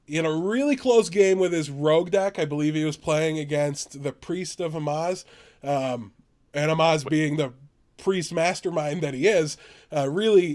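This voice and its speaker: An American man co-hosting a gaming podcast, chatting casually and excitably, quick to laugh. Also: on the high side. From United States. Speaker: podcast co-host.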